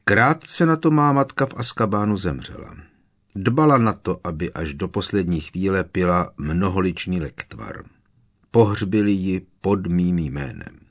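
A man voicing a young male prisoner who confesses in a flat, expressionless monotone. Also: deep voice. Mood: flat confession. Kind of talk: audiobook character voice.

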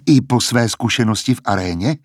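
A man reading a cold, mocking older woman scientist with slow, condescending taunts in a husky voice. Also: mid-range voice, dry recording, clean studio sound, lightly acted. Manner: condescending, sly, drawn-out taunts.

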